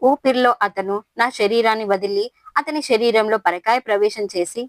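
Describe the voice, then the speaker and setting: A woman's voice: a little high, normal speed, no room sound, close to an everyday voice. A woman doing a dreamy, studious elder sister. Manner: soft and dreamy about love, snappish when startled.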